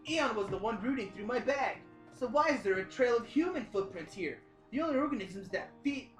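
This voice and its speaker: Playful young woman reading a game aloud. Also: roomy sound. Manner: playful, jumps into high squeaky voices for sound effects. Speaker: let's play reader voicing a visual novel. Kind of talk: reading game text aloud with jokey commentary.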